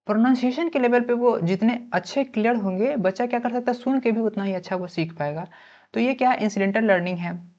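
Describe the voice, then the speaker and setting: A woman's voice: a little high, a little mellow. Woman teaching in a muffled lecture. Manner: explains by asking and answering her own questions, with frequent "ठीक है" check-ins; mixes in English terms and spells words out letter by letter. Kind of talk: exam-prep lecture.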